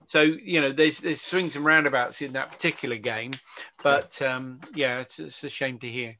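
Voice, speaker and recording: A man co-hosting a relaxed news chat, with a bright, forward voice. He talks loosely and jokes at his own expense. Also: medium pitch, moderate pace, slight background noise. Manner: jokey, self-mocking, chatty. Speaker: podcast co-host.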